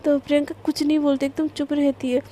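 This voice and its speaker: A woman's voice: high voice, little pitch movement, quick pace, mellow. A woman telling a love story in a casual, chatty way, mixing into her talk and using lots of fillers. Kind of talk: casual spoken story narration.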